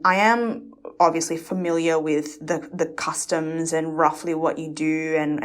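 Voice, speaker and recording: Young woman from Indonesia, podcast co-host, lowish voice, casual rambling chat full of hesitations. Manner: rambling, hesitant, with frequent "um" fillers.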